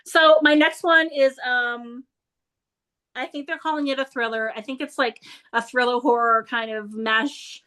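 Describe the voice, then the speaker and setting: A woman's voice: fairly high pitch, fairly even intonation, unhurried, bright, forceful tone. A woman who reviews books, chatting about thrillers with eager enthusiasm, laughing easily and often restarting her words. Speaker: book reviewer and book club leader. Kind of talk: casual chat about books.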